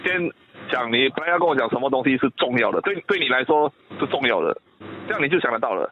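A man's voice: mid-range voice, sing-song, quick pace, a little hiss or hum. A man with a Malaysian accent on a phone call, blunt and teasing, pressing his friend with questions. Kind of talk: casual phone chat. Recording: tinny phone line.

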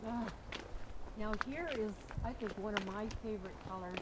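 A middle-aged woman chats casually as she walks through a garden, admiring what she sees and pausing on fillers. Her voice is picked up by a camera mic outdoors, with clear background noise. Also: medium pitch. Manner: admiring, gentle, with many fillers. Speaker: garden tour guide. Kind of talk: casual walking tour chat. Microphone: camera held by companion.

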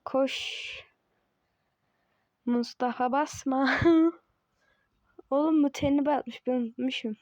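A woman's voice: high voice, level tone, a little slow, long pauses, darkish tone, dry recording. A woman giving casual, teasing commentary over a game she is playing, chatting to herself and laughing often. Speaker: gaming channel host.

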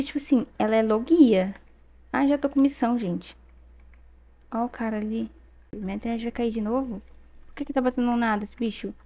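Young woman, Brazilian accent, gaming youtuber, casual gameplay commentary, excitable, fairly high voice, desk mic. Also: dull audio. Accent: Brazilian Portuguese. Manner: chatty and excitable, often exclaims to viewers.

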